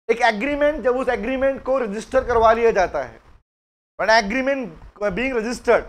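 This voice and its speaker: A middle-aged man with an Indian English accent teaching a live law class, dictating notes slowly in mixed Hindi and English and calling on students by name. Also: very high voice. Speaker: law lecturer.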